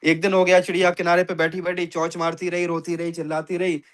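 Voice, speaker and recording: A man's voice: high voice, monotone, fast talker. A man giving an emphatic motivational talk on a video call, telling a fable and repeating catchphrases to his audience. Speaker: motivational speaker in an online finance meeting.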